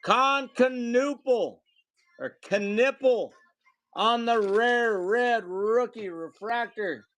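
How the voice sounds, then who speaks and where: A man's voice: high voice, takes it slowly, hardly any pauses, pushed and bright, no echo. A man hosting a live card break, reading off player names and calling out the hits to viewers.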